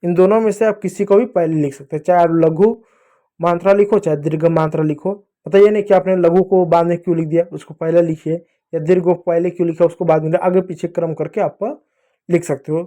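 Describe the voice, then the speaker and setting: A man with a high, soft, mellow voice teaches children to read. He draws each sound out slowly and says it again and again so they can repeat after him. His tone is patient and steady, like a classroom teacher. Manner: slow, drawn-out sounding of letters. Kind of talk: explaining to children.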